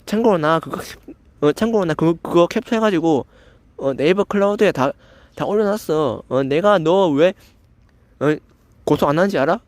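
Young man, stammering, slightly slurred, confrontational swearing rant, fairly high voice, dry recording. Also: expressive, normal speed, a little mellow, no room sound. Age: young adult. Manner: confrontational, swearing, constant filler "eo". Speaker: channel host. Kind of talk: angry rant at a commenter.

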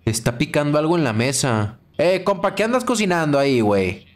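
A man's voice: a little high, very animated, a little fast. A young man with a Mexican Spanish accent, commenting on a horror game as he plays, swearing and shrieking when scared. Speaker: gaming streamer. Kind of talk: let's play commentary.

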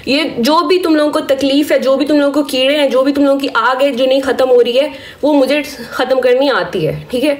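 A woman with a hoarse, sore-throated voice delivering a stern warning rant to her live-stream viewers, scolding them and asking "okay?" after each point. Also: sits high, steady tone, a little fast, few pauses. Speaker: social media creator on a live stream.

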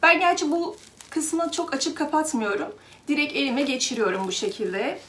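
A woman's voice: sits high, normal speed, a bit bright, slight background noise. A woman vlogger chatting casually to her viewers as she shows a pet grooming glove and talks to her cat. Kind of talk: casual product demo to viewers.

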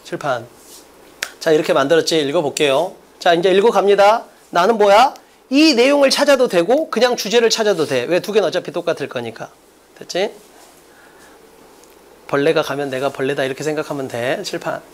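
A man's voice: a little high, a little fast, slight background noise. A man lecturing on an English exam, emphatic and blunt, constantly firing rhetorical questions at his students. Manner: emphatic, quizzes listeners with rhetorical questions, blunt casual speech. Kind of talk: energetic classroom lecture.

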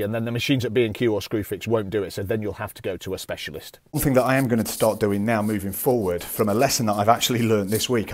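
A British landlord vlogger in his forties walks around an empty rental house, chatting through practical tips in a lowish, slightly mellow voice. He talks into a wired earphone mic in a casual walkthrough vlog set in the empty house and a parked car.

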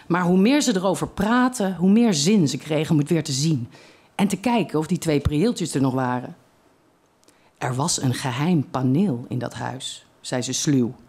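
Reader, short story read aloud, steady, measured, even pitch. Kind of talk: reading a short story aloud at a literary evening.

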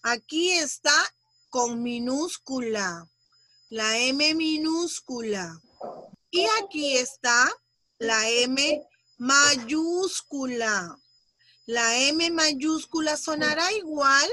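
A woman teaching young children in an online class over a video call, patiently sounding out syllables and using gentle diminutives. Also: sits high, drawn-out words, no echo. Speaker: primary school teacher.

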